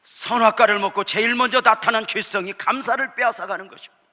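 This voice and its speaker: A man's voice: high-pitched, fairly even intonation, fast talker, pushed and bright. A male pastor preaching a sermon, telling stories with humor and acting out his church members' words. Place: church sanctuary. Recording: church hall reverb.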